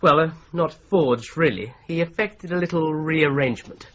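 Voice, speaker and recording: Boone, a shrewd young male solicitor-detective investigating a fraud, methodically and patiently explains his theory in a BBC-style radio drama. His husky, higher, fairly bright voice moves at a moderate pace. The radio play recording sounds dull and lo-fi.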